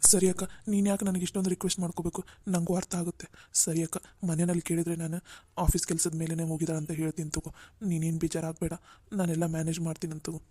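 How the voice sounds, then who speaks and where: A woman's voice: low voice, little pitch movement, fast talker, warm tone, husky. A woman voicing a caring young woman in a cartoon, soothing and reassuring. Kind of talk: Kannada cartoon voice acting.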